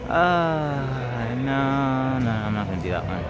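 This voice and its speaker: A man's voice: mid-range voice, lively intonation, slow pace, noisy background. A man chatting casually and informally on a live stream while climbing at an indoor gym, thinking aloud in short bursts.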